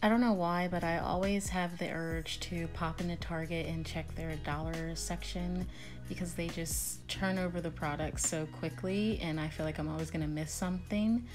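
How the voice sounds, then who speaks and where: A woman's voice: lowish voice, normal speed, over music. Chatty woman narrating a shopping vlog. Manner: chatty and upbeat, relaxed commentary with fillers. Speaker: vlogger and picnic planner. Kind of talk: casual shopping vlog voice-over.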